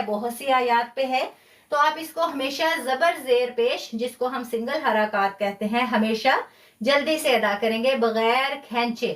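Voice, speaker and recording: A woman with a high voice teaches a live online Quran lesson, explaining things patiently step by step, stretching out syllables as she demonstrates and often praising her students.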